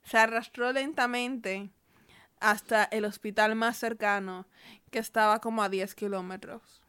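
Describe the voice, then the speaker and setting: Female podcast co-host, smooth and bright, dry storyteller. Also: fairly high pitch, steady tone, a little slow. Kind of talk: casual storytelling.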